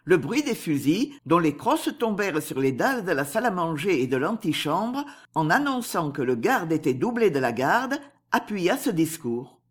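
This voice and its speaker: A woman narrating a classic novel as an audiobook, in an expressive, animated reading. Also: fairly low pitch, moderate pace, slightly rough. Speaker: audiobook reader.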